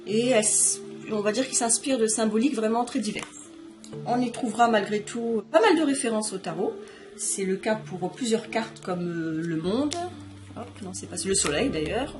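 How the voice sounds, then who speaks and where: A woman talks through a card deck review in a relaxed, chatty vlog style, explaining each item as she shows it. Her voice sits at an ordinary middle pitch. Clear music plays behind her the whole time. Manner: chatty, explanatory, showing items to camera. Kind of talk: casual product review vlog.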